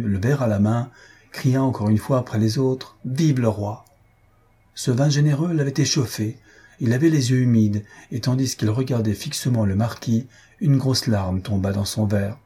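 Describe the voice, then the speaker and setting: A man reading a historical tale aloud as an audiobook narrator, in measured, even storytelling. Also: fairly low pitch, slightly rough. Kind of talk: scripted narration.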